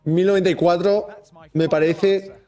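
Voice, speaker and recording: High-voiced excitable man. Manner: excitable, quick to laugh and shout. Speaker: streamer playing quiz game. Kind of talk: casual group banter.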